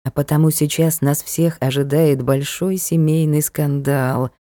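A woman voicing a low, patient butler. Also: steady tone, a little slow, mellow, no echo, clean studio sound. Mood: placating. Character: patient old male butler.

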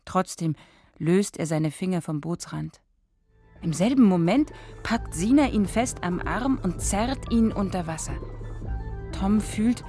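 A woman narrating a scripted radio drama for children in a calm, measured storytelling manner. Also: lowish voice.

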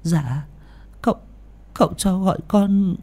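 A woman's voice: takes it slowly, mellow. A man voicing a frightened older village woman who pleads and sobs. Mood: timid. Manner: sobbing, begging in a high voice.

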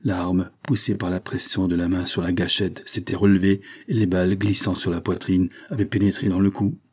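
A man narrating a classic novel as an audiobook, in a measured, dramatic reading. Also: sits low, flat delivery, darkish tone, breathy edge.

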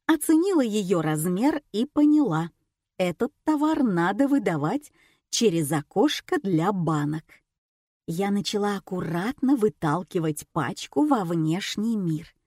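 A woman narrating an audiobook in a lively, ironic first-person voice. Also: medium pitch, no room sound, clean studio sound.

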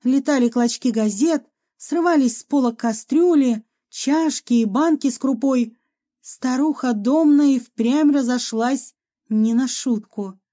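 A woman narrating a humorous ghost story in an expressive audiobook reading. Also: high voice, unhurried.

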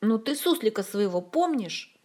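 A woman's voice: mid-range voice, sing-song, moderate pace, darkish tone. A woman voicing a hesitant, hopeful young man. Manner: unsure and hesitant.

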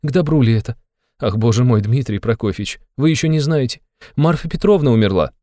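A man reading an audiobook, voicing a flustered, tearful aging mother in a high, breathless voice. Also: lively intonation, warm tone, no echo, clean studio sound, close to an everyday voice. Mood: anxious. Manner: breathless, rushed, exclamatory.

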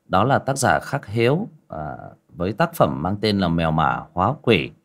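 A male host with a fairly low voice chatting with his livestream audience and then reading a ghost story. His delivery is chatty and lively, with big swings in pitch. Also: moderate pace.

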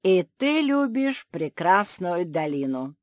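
Sly old ant guy, drawls every word, sneaky and smooth , woman doing the voice, dry close mic. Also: on the low side, sing-song, slow, a little mellow, no echo, pitched above the performer's own voice.

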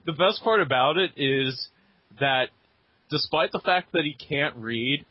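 A man's voice: mid-range voice, no room sound. A young man co-hosting a casual book chat, talking eagerly and restarting his sentences. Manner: excited, laughing, stumbling restarts. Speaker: podcast co-host. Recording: dull lo-fi recording.

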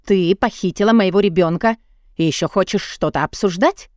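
A woman voicing an angry, protective mother who talks in a sharp, indignant way, in a dry, close voice. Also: mid-range voice, normal speed, no echo, lightly acted. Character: furious, protective mother, accusing.

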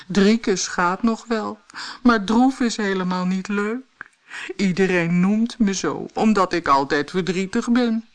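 A woman's voice: medium pitch, slow, pitched above the performer's own voice, close to an everyday voice. A woman voicing a sad little man in a storybook, plaintive and sniffling. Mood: mournful. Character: sad little man, always gloomy and weepy. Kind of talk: audiobook character voice.

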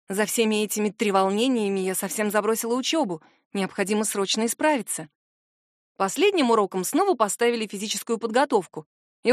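A woman reading a first-person fantasy novel aloud, expressive and lively in dialogue. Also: a little high, no echo, clean studio sound. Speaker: audiobook narrator.

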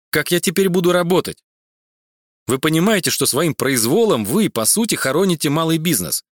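A man's voice: mid-range voice, dry recording, studio quality, natural voice. A man voicing Igor, an exasperated private detective protesting and recalling an attack, in a crime audiobook. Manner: exasperated, pleading. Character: indignant male private detective, middle-aged.

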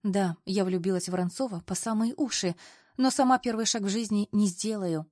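Woman reading a chick-lit audiobook, mid-pitch, dry close mic, chatty and confiding. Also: brisk, darkish tone, dry recording. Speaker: audiobook narrator. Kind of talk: first-person storybook narration.

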